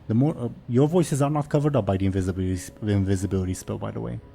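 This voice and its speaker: A man narrating a tabletop role-playing game as game master, in a casual, halting, improvised way. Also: lowish voice, creaky, warm tone, faint music behind.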